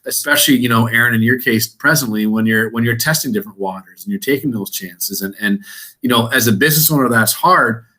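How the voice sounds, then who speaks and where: A man's voice: mid-range voice, a little fast, sharp tone, low-quality recording. A man moderating a casual panel discussion, talking conversationally with frequent restarts.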